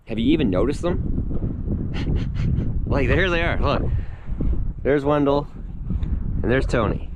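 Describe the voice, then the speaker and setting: A man in his thirties tells a story to the camera outdoors, his voice mid-pitched and lively as he acts out what others said. Faint background noise sits under his voice. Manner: animated retelling, acting out quotes. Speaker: vlogger. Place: outdoors on his rural property with his dogs.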